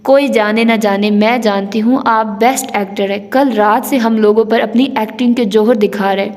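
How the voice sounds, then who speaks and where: A woman's voice: on the high side, steady tone, darkish tone, lightly acted. Woman doing a sweet, pouty young wife. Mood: sulky. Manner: sweet, slow, pouting. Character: innocent, sulky young wife. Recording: long hall reverb.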